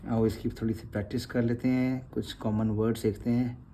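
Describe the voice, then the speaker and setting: A man's voice: medium pitch, level tone, fairly quick, dark tone, slight background noise. A man teaching a spoken lesson on writing letters, patiently sounding them out and checking in after each word. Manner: patient, repeats sounds aloud, frequent "theek hai ji". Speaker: Gurmukhi teacher.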